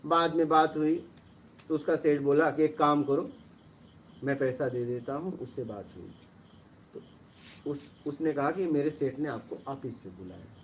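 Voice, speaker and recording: Animated Indian man telling stories. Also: on the high side, unhurried, long pauses, a little hiss or hum. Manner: animated, acts out quarrels with rising forceful voice. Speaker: spiritual teacher. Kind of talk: storytelling talk to listeners.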